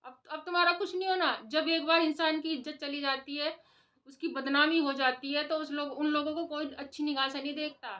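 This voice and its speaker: A woman with a high voice delivers a heated opinion vlog straight to her audience. She scolds and lectures, hammering each point home by repeating it. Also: a bit bright. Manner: scolding, impassioned, repetitive. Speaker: vlogger. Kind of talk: opinion commentary to camera.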